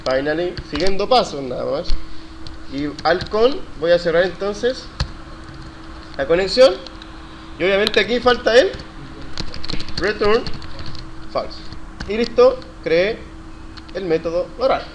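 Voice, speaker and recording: A man's voice: high-pitched, expressive, slow, pauses often. A man teaching a live university coding class, questioning students and praising their answers. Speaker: university lecturer. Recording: noisy classroom recording.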